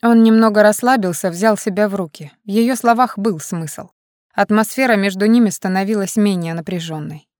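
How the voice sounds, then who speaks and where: Female audiobook narrator, steady storytelling, dry close recording. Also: medium pitch, moderate pace, no echo. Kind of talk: scripted narration.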